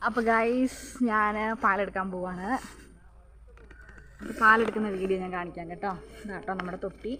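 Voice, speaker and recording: A woman's voice: medium pitch, steady tone, brisk, long pauses, bright, forceful tone. A woman talking casually to her viewers while walking outdoors on a rural plantation, recorded on a handheld phone. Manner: chatty, addresses viewers often. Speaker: vlogger. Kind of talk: casual walk-and-talk vlog.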